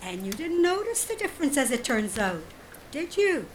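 Playing a refined, quietly scheming woman who pretends to be sweetly innocent, this audio drama actress speaks with polite hesitation, stretching her words out as she apologizes and explains. Her high voice has a sing-song quality, with slight background noise behind it.

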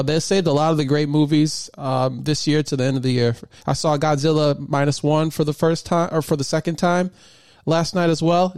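A man's voice: on the high side, darkish tone, smooth, no room sound, studio quality. A man hosting his own podcast, talking casually and enthusiastically, rambling with lots of fillers and restarts. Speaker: podcast host. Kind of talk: casual solo podcast talk.

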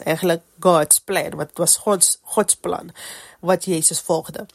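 A woman's voice: lowish voice, darkish tone, no room sound, studio quality. A woman hosting a solo podcast with a congested, stuffy nose from a cold, talking in a casual, reflective storytelling way about personal faith. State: has a cold. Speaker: podcast host.

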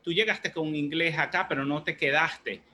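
A man hosts a relaxed interview, encouraging his guest and asking open questions. His voice is bright and sharp and sits a little high, with faint noise in the background. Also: moderate pace. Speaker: interview host. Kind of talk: casual conversational interview.

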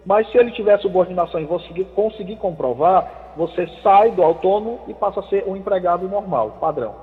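A man's voice: high-pitched, expressive. Man explaining law over the phone. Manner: measured, explanatory. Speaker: labor lawyer guest. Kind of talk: expert answering on a radio call-in show. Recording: thin phone line with long reverb.

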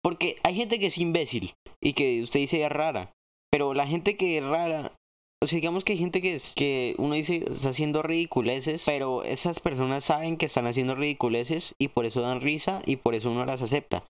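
A young man, co-hosting a casual chat, slangy and excitable, jumping up in pitch when he jokes. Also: a little fast. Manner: slangy, excitable, swings his pitch high when joking. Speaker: podcast co-host.

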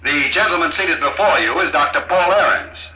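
Sharp, echoing, sinister gentleman villain, old radio. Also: on the high side, expressive, moderate pace. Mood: smug, formal. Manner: formal, coolly mocking. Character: calm, polite, sinister male conspirator gloating over captive. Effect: intercom. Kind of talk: 1950s radio drama acting. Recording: echoey old radio broadcast disc.

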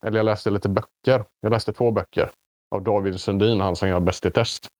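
A man's voice: lowish voice, fairly even intonation, darkish tone, no echo. A man with a mixed Swedish dialect, largely Gothenburg, chatting casually as a podcast co-host. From Gothenburg, Sweden. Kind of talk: casual chat.

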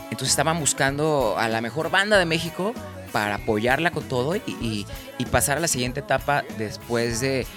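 A man's voice: medium pitch, animated, normal speed, over music. Slangy Mexican man telling stories. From Tabasco, Mexico. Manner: rambling slangy anecdotes, acts out quoted friends. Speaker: singer-songwriter guest. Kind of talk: casual storytelling interview.

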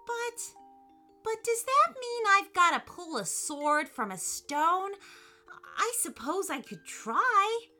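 Woman putting on small boy voice, high and squeaky, eager, lively, read over faint music. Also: slow pace, exaggerated voice. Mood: worried. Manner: excited, high and breathless questions. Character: young boy, eager and wide-eyed.

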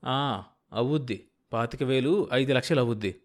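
A man voicing a meek, doubtful middle-aged husband who grumbles softly. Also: mid-range voice, unhurried, close to an everyday voice. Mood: grumbling. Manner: soft, grumbling, hesitant.

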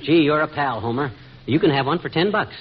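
An actor playing a blustering, scheming, easily exasperated husband in a vintage radio comedy. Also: male voice, a little high, lively intonation, a little fast, slight background noise, lightly acted. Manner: blustery, folksy exclamations. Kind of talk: 1950s radio comedy acting. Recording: muffled old radio before studio audience.

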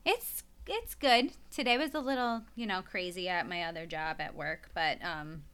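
Young woman podcast co-host, chatty and laughing easily, with a bright, forceful voice. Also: lowish voice, animated, moderate pace, clear, resonant tone. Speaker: podcast co-host, nutrition coach. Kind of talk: casual chat.

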